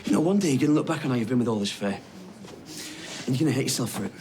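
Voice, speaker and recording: A man's voice: medium pitch, expressive, very fast, noisy background, lightly acted. An actor playing an exasperated son defending his mother, urgent and reproachful, in a TV soap. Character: exasperated sibling fiercely defending their mother. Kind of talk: naturalistic TV soap acting.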